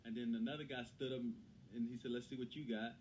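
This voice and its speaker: A man's voice: medium pitch, fairly even intonation, brisk, a little mellow, slight background noise. A Texan man, a guest in an interview, telling his story and acting out the people he quotes.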